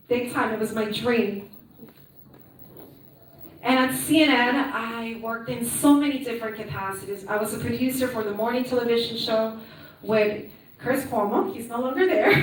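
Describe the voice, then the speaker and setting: A woman's voice: a little high, a little hiss or hum. A woman in her thirties from Peru, telling her personal story as a conference speaker in a chatty, upbeat way, often tagging on "right?". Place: conference hall. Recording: echoey hall, mic from a distance.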